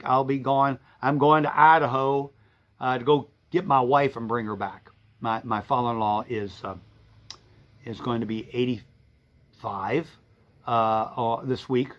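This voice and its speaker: A man's voice: mid-range voice, a bit bright. A middle-aged man who runs a shop, chatting casually and folksily on a live stream, with lots of fillers and restarts. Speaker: sewing and vacuum shop owner. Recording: dull lo-fi stream audio.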